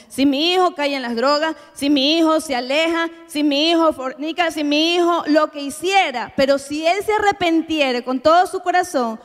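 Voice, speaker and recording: A woman giving an earnest, heartfelt sermon with a personal testimony at a church women's workshop. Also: high voice. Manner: earnest, heartfelt preaching to the congregation. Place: church meeting hall. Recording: reverberant church hall.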